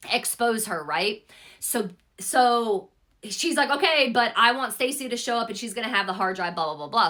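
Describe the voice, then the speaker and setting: A woman's voice: a little high, pushed and bright. A woman giving a casual, rambling book recap, swearing freely and filling gaps with "like" and "blah, blah, blah". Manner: rambling, profane, peppered with "blah, blah" and "like". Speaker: book reviewer.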